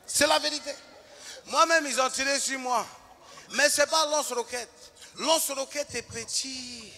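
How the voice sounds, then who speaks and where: Ivorian male comedian on stage, bright cutting voice, acts out characters loudly. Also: very high-pitched, measured pace. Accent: Ivorian French. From Ivory Coast. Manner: animated, acts out characters and shouts punchlines. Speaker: stand-up comedian. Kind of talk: stand-up comedy routine.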